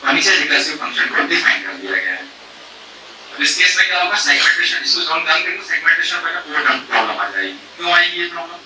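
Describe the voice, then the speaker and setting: A man's voice: on the high side, animated, fast talker, sharp tone, reverberant, far from the mic, slight background noise, rough recording. A man lecturing on programming errors, asking rhetorical questions, using homely food analogies and mixing English technical terms into his talk. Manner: mixes English technical phrases into Hindi. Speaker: professor teaching a faculty workshop.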